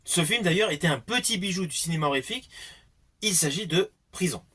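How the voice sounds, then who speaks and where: A man's voice: high-pitched, expressive, fairly quick, bright, forceful tone, a little hiss or hum. A man giving a scripted film review, explaining things with emphatic phrasing. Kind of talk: scripted movie review narration.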